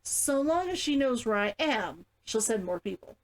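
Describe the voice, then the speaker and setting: A woman's voice: fairly high pitch, very animated, normal speed. A woman reading the lines of a guarded, weary man who fled servitude, in a storybook narration.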